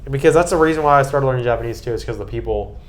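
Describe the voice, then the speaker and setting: Rapid-fire and medium-pitched, an American podcast guest and co-host chats earnestly and enthusiastically while recapping a trip.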